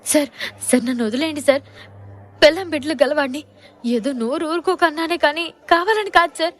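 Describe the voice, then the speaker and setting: A woman's voice: high voice, a little fast, voice pushed up, natural voice. A woman narrator voicing a terrified male security guard who pleads in a trembling voice. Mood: pleading.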